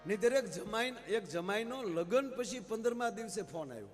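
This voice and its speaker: A man telling humorous stories to a big live audience, acting out quick exchanges between characters. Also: sits high, big-room sound, soft background music. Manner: lively storyteller, quick character exchanges, addresses audience as sir. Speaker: folk comedian on stage. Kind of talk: live stage humor storytelling. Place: large stage event.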